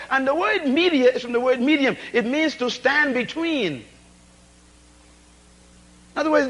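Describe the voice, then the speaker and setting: A high-voiced man delivers a sermon full of emphatic repetition, rhetorical questions, and call-and-response. He swings between shouted emphasis and low asides.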